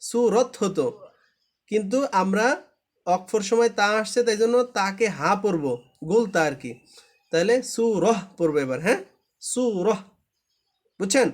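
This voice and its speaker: High-pitched male tutor, drilling reading rules over an online class and checking that students follow. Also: normal speed. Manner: patient, repetitive, often checks understanding. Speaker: Quran recitation teacher. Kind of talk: live online class instruction. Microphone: online live class.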